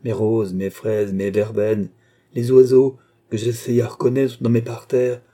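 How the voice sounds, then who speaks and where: A man reading an audiobook who voices a lively, playful young queen with an exuberant manner. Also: a little slow, lightly acted. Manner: exuberant, raised pitch.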